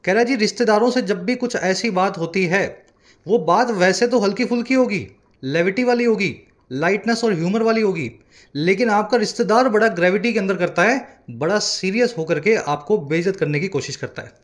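A man teaching as an English tutor, lecturing a class on a newspaper article with energy and reading English lines slowly. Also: high-pitched. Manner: energetic teacher, explains words slowly, reads English aloud slowly.

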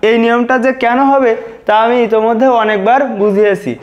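A man's voice: very high-pitched, steady tone, a little fast, muffled recording. A man teaching a lesson, patiently repeating words and breaking them into syllables. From Bangladesh. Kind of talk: spoken exam-prep lesson.

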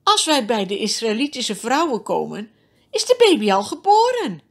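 Two nervous midwives in a children's storybook, voiced by a woman reader, explaining themselves in a high, pleading voice. The voice is husky, with wide rises in pitch. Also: very animated, moderate pace.

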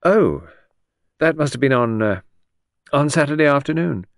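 A man's voice: a little high, animated, normal speed, gravelly, no echo, studio quality, voice pushed up. A man voicing a composed young woman under suspicion, cool and lightly mocking, in an audiobook. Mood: defiant. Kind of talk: audiobook character voice.

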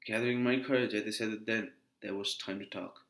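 A man reading an otome game aloud, voicing the lines with animated chatty asides. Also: lowish voice, brisk, echoey room, low-quality recording. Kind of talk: reading dialogue with commentary.

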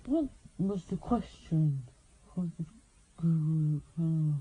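A woman talks in her sleep in disjointed fragments. Her pace is slow and her pitch swings in a lively, erratic way at a middling height, with clear background noise on the recording. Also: low-quality recording. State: asleep. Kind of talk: sleep talking, disjointed muttering and outbursts.

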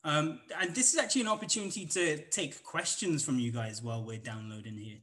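A man's voice: on the high side, a little fast, bright, forceful tone, rough recording. Welsh guy walking through code live, lots of ums, casual and rambly. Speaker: conference instructor. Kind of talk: live coding walkthrough.

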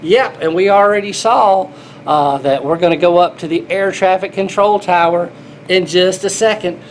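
A middle-aged man, both an air traffic controller and a grandfather, reads a picture book to children from a small indoor airport control room. He speaks at a normal speed in a high-pitched voice, playfully exclaiming, with slight background noise.

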